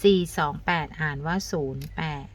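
Woman teacher w/ a low voice counting out math problems slow n patient, bit of faint hiss behind. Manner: counts aloud slowly, adding gentle polite particles. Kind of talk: step-by-step math lesson.

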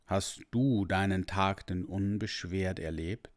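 A deep, rumbling old dragon from a storybook, voiced by a man reading aloud. He talks slowly, solemn and fatherly, patient with a child who disappointed him. The voice stays low and measured. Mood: wise. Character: ancient wise male sun dragon, kind and patient.

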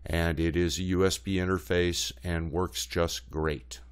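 A man's voice: low voice, little pitch movement, measured pace, clear, resonant tone. A man hosting a screen-recorded tutorial, talking plainly and a little hesitantly with frequent fillers as he walks through a website. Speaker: channel host.

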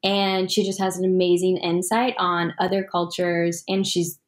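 A woman's voice: fairly low pitch, little pitch movement, moderate pace. A young woman hosting a casual video podcast from a living room, upbeat and gushing, laughing often. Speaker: podcast host.

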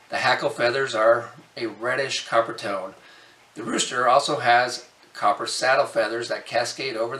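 A middle-aged man delivers a scripted explainer straight to the camera in a steady, even-handed way. His voice is bright and a little tense. The sound is roomy, with the mic set back from him. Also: mid-range voice. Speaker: host. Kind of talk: scripted informational narration. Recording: echoey, distant from the mic.

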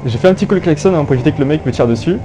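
A man's voice: on the high side, animated, racing, background noise. A young man giving casual, jokey gameplay commentary through an old phone headset, rambling with many fillers and restarts. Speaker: gaming YouTuber.

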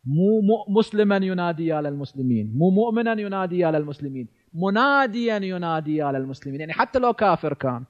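A man's voice: high voice, expressive, fast talker, dull audio. A man in his forties with an Iraqi Arabic accent, giving a religious lecture and asking rhetorical questions that he answers himself. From Iraq. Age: 40s. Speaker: cleric lecturer.

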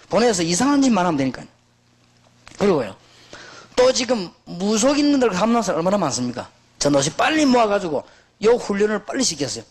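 A middle-aged man preaching with a high, husky voice. His pitch swings widely as he exhorts and tells stories with emphasis. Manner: emphatic, exhorting, animated storytelling. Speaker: pastor. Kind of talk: sermon.

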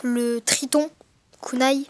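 Hesitant woman narrating an unboxing, high voice. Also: steady tone, takes it slowly, background noise. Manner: hesitant, many fillers and self-corrections. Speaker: gaming video maker. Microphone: gaming headset mic.

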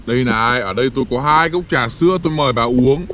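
Man acting as a greedy milk-tea demon, high voice, whiny, gloating, comedy skit. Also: moderate pace, dull audio, natural voice. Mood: panicky pleading. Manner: gloating, panicky pleading.

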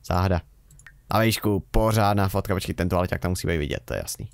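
A young man chats his way through a life-sim game in a relaxed, rambling way, dropping wry asides as he goes. His voice sits low, and the recording is dry and close, with no room sound around it. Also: creaky, no echo. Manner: chatty, rambling, wry self-mocking remarks. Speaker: Let's Play host. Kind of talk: casual gameplay commentary.

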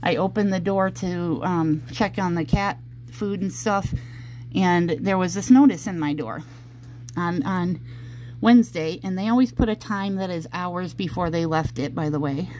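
A woman telling a personal story in a casual vlog, halting and explanatory, with an aggrieved manner. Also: fairly low pitch, darkish tone. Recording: clear background noise, handheld home recording.

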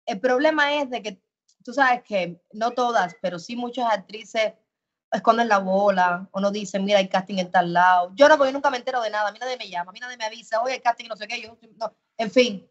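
A woman gives an interview in a high, lively voice. She talks loudly and emphatically, almost as if she were arguing, and the sound is a little dull and muffled. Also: fairly quick. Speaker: actress and guest. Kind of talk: animated interview answers.

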